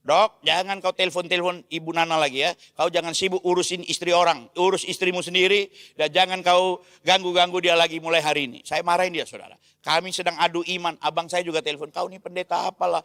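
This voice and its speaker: A middle-aged male pastor preaching a sermon, telling a story with lively acted-out dialogue and often turning to the congregation. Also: high-pitched, dry recording, studio quality. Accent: Indonesian. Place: large church hall.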